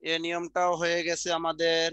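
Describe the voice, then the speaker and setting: A middle-aged man teaching an exam-prep grammar lesson, repeating sounds slowly and quizzing the class. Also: a little high, monotone, pushed and bright, smooth, no room sound. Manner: repetitive, drills sounds out slowly, asks the class questions.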